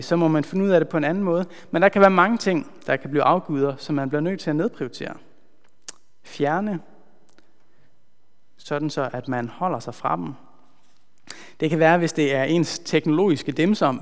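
Man preaching, slightly high voice, earnest and measured, long echo of a hall. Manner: earnest, measured, slows for emphasis. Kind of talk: sermon with a retold story.

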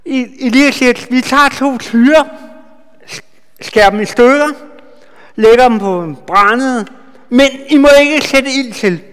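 High-voiced man preaching in a reverberant hall. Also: pauses often, smooth. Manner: retells the Bible story with lively asides to the audience. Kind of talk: sermon.

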